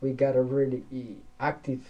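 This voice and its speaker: A man's voice: medium pitch, little pitch movement, dull audio, over a noisy crowd. Costa Rican man hosting a podcast. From Costa Rica. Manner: halting, friendly questions. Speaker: podcast host. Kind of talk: casual interview.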